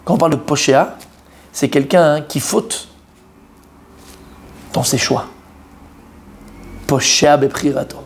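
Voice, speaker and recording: Pausing often and speaking a little slowly, a fairly high-voiced man teaches Torah in French. He keeps things animated by quizzing the students, repeating the important points and blending in Hebrew expressions.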